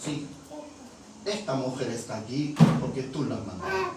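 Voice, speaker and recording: A man's voice: medium pitch, wildly swooping pitch, unhurried. A male pastor preaching a sermon, telling a story and acting out its dialogue. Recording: echoey hall from far off, noisy.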